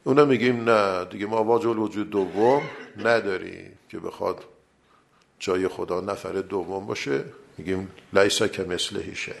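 Gravelly-voiced man teaching Quran commentary. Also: on the low side, slight background noise. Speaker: religious teacher.

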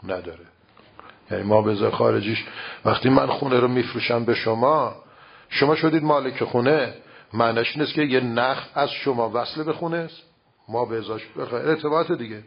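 A man's voice: mid-range voice, creaky, slightly rough. A man teaching religious philosophy in an informal lecture, explaining with everyday examples and rhetorical questions. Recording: dull lo-fi recording.

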